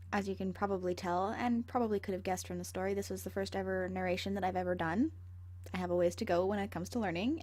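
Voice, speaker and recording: A woman narrating scary stories in a conversational, slightly halting way, as an amateur. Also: medium pitch, darkish tone. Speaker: amateur horror story narrator. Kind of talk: first-person scary story narration and channel outro. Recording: home recording with faint background noise.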